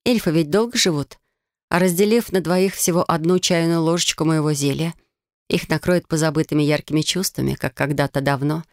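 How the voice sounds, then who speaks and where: A woman narrating a first-person fantasy audiobook in a lively way. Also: deep voice, fairly quick, no room sound. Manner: lively, voices characters' lines.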